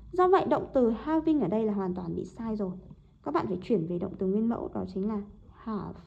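A woman teacher explaining textbook exercises step by step, repeating each word slowly and checking that students follow. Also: fairly high pitch, a little mellow, slight background noise. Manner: repeats words slowly, checks with "đúng không?". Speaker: English teacher. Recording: dull lo-fi recording.

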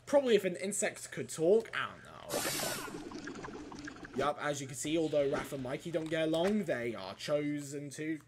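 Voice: medium pitch, normal speed, noisy background. A let's play gamer giving casual gameplay commentary, joking and talking back at the enemies on screen. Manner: animated, jokey, talks back at enemies. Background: game music.

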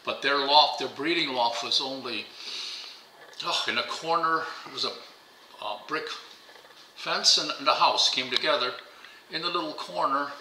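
An older man, a pigeon fancier whose first language is German, tells rambling stories and repeats words during a casual interview at his home dining table. The bright dining room gives his medium-pitched voice a roomy sound against a noisy background.

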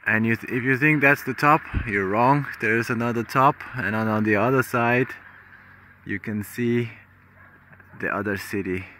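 Holding his phone at arm's length on a hillside farm, a man in his thirties vlogs casually about his travels, full of fillers and restarts. His medium-pitched voice moves at normal speed, pushed and bright, over slight background noise.

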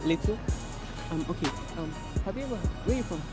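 A young man with a high voice and lively intonation speaks briskly over loud music, hosting a casual street interview and prank show outdoors on city streets and by a harbor. He shouts playfully to the camera, then approaches strangers in a friendly way with questions.

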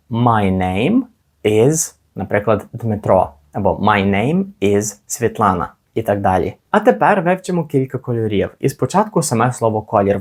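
A man teaching children simple English words slowly, encouraging them and pausing so they can repeat. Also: on the low side, darkish tone. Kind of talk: slow, clear language lesson for kids.

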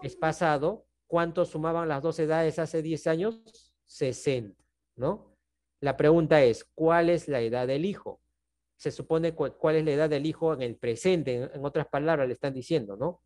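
A man's voice: fairly high pitch, moderate pace, a little mellow. Patient man teaching math on a call. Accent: Peruvian Spanish. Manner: patient, checks in often with "¿no?" and "¿está bien?". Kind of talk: online class explanation.

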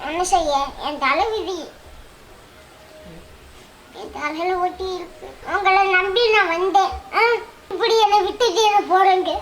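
Woman doing a pleading abandoned wife in a comedy skit, very high voice, southern Tamil accent. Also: fairly even intonation, moderate pace, a crowd in the background. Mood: tearful pleading. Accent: southern Tamil Nadu. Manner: pleading, whining. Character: tearful young village wife being left behind. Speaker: skit actor. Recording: roomy with faint ambience.

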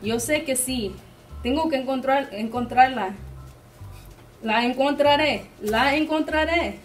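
A woman's voice: sits high, takes it slowly, soft background music. A woman voicing a lost baby bird who pleads and asks earnestly after its mother. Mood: anxious.

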